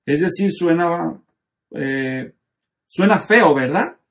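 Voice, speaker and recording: A man teaching a Bible study class, explaining the text step by step and checking in with his students. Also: a little high. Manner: explanatory, asks the class questions.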